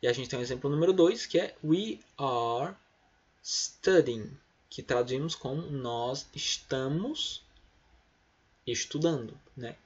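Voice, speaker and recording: A man's voice: mid-range voice, slow pace, breathy edge, highs cut off. A man teaching an English class in Brazilian Portuguese, explaining step by step and often checking with "tá?" and "né?". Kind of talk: recorded remote lesson.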